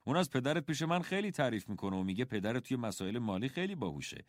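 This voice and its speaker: A man voicing a gentle schoolteacher father. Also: on the low side, no room sound, studio quality, pitched above the performer's own voice. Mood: warm encouraging. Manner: calm, encouraging and kindly.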